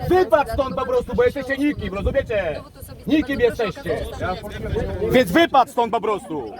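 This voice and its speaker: High-voiced man yelling over a crowd. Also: lively intonation, normal speed, far from the mic. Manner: combative, lecturing, repeats "po prostu". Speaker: protester confronting police. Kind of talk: heated street argument. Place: outdoor street protest. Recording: loud crowd noise outdoors. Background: crowd of people.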